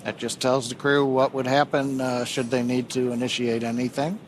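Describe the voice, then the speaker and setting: A man's voice: mid-range voice, flat delivery, moderate pace, slight background noise. A man giving live launch commentary as a webcast commentator, explaining in a technical way.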